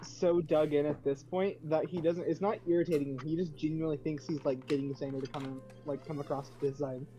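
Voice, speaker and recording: A woman with a fairly low voice banters as a tabletop game player, blunt and joking. Her audio is slightly dull, with music behind it. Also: steady tone, fairly quick, hardly any pauses. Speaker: tabletop role-play player.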